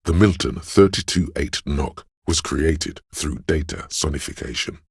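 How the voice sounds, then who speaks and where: This is the inner voice of a learned, pedantic man, a deep-voiced know-it-all narrating trivia in a video game with a full character performance. His extremely low voice is very deep, gravelly and husky, and his delivery is measured, matter-of-fact, scholarly and dry. It's recorded very dry and close, with no echo.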